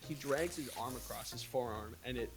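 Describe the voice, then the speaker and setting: A young man chats loosely and tells anecdotes, laughing between lines. He lands at a middling pitch for a man, and there is clear music behind his voice. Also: a little fast, low-quality recording. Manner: animated, laughing storyteller with many "like" fillers. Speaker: host. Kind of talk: casual storytelling chat.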